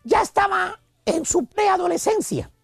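Mexican radio comedy host, super high gravelly voice, shouts and drags lines out for laughs. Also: male voice, dry recording, clean studio sound. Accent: Mexican Spanish. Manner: animated, bursts into shouts, slows for effect. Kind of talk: comic storytelling routine.

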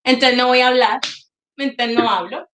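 A bubbly woman guesting on a casual podcast. Her voice is bright and sharp, pitched a little high, and she giggles as she talks. She speaks loudly by her own account. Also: steady tone, moderate pace. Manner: bubbly, self-admittedly loud, giggly. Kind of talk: casual chat.

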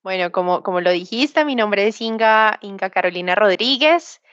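This is a woman in her thirties with a Bogotá Colombian accent, answering interview questions in a halting way full of fillers and restarts. Her voice comes through dry and muffled, like dull lo-fi remote audio. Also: medium pitch, animated, fairly bright tone, dry recording. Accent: Bogotá Colombian Spanish. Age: 30s. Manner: hesitant, many fillers and restarts. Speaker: guest. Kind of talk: conversational interview.

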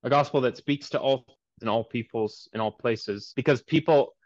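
A young man in his twenties talks earnestly about church life in a preacherly way. His voice comes through a muffled, lo-fi line with a dry, close sound and no room around it. He sits at a middling pitch for a man. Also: moderate pace, darkish tone, no room sound. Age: 20s. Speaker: pastor and guest. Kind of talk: podcast interview.

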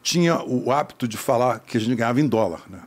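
A man telling a lively anecdote about his acting career, acting out the other people's voices. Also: medium pitch, quick pace, slight background noise. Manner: animated storyteller, acts out voices. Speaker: actor telling a story. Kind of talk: casual anecdote.

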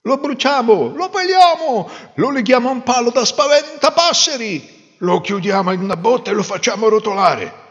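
A man voicing a crowd of angry village peasants, shouting their demands in a shrill voice. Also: very animated, moderate pace. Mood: furious. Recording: roomy reverb, dull lo-fi sound.

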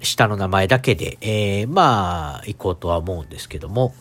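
A man's voice: deep voice, lively intonation, normal speed, fairly bright tone. A man hosting a casual solo podcast in a stuffed-up, nasal voice, talking in a hesitant, rambling, apologetic way. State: congested nose. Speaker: podcast host.

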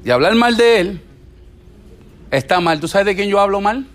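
A middle-aged man, preaching in a playful, animated and exhorting way at church. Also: sits high, moderate pace. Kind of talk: church teaching talk.

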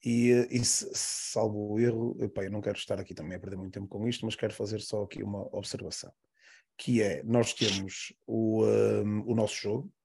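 A man with a Portuguese accent, a panelist on a football podcast, speaks in a fairly low, creaky, slightly rough yet a little mellow voice with fairly even intonation and a fairly quick pace. His casual analysis is repetitive, listing points and correcting himself as he goes.

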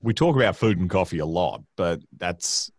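Low-voiced man with a Queensland Australian accent. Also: animated, normal speed, slightly rough, no room sound, studio quality. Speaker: guest. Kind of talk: casual joking chat.

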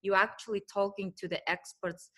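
A woman's voice: mid-range voice, fairly even intonation, moderate pace, sharp tone. A woman hosting a business talk show, interviewing a guest in a friendly, affirming way.

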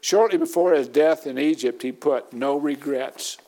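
A middle-aged man preaches to his congregation, pressing his points by saying them again and again. His voice sits a little higher than most men's. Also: normal speed, mellow. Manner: emphatic preaching with repetition. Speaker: pastor. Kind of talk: sermon.

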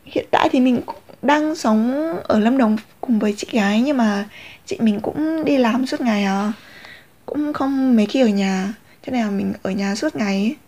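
A woman's voice: on the high side, moderate pace, darkish tone. A young woman, rambling candidly in a casual confessional vlog. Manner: rambling, many fillers and restarts, candid. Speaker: vlogger.

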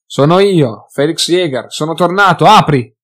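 A weary but brave young adventurer, voiced by a man reading a fantasy audiobook. He calls out loudly and urgently. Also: medium pitch, fairly quick, lightly acted. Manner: calling out loudly.

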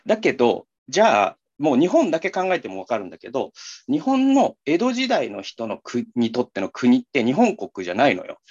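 A man's voice: mid-range voice, huge pitch swings, a little fast, a little mellow, lo-fi sound. A man hosting a talk, explaining at length in a casual, rambling way with many fillers and restarts. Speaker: talk show co-host.

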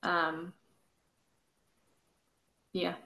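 A woman's voice: lowish voice, monotone, very slow, gravelly, sharp tone, roomy sound, slight background noise. A woman from Appalachia, a yoga teacher guesting on a podcast, speaking hesitantly with lots of fillers and hedges. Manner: hesitant, hedging, many fillers. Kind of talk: casual podcast chat.

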